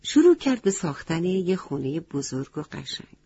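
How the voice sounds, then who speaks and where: A woman's voice: lowish voice, big pitch swings, warm tone, husky, dry recording, muffled recording. A woman narrating a children's story, stopping to ask the listening children questions. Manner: addresses children directly with questions.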